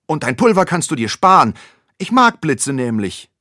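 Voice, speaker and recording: A man voicing a brave young boy who speaks out boldly and loudly. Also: medium pitch, sing-song, normal speed, husky, no room sound, studio quality, voice pushed up. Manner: bold and loud.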